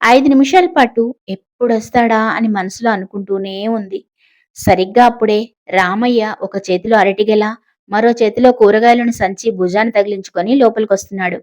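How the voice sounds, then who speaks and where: A woman's voice: a little high, moderate pace, darkish tone, poor audio. A woman narrating a family story, expressively switching voices for the characters. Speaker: audiobook narrator.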